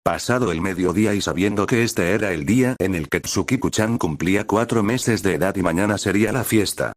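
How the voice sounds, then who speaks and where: A man narrating fan fiction aloud in a steady storytelling manner. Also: deep voice, no echo, clean studio sound.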